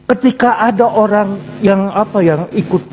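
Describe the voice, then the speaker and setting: A man's voice: sits high, moderate pace, a little mellow. A man who works as a lawyer, explaining his faith earnestly with hesitations and restarts in a voice-chat debate. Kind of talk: casual argument in voice chat.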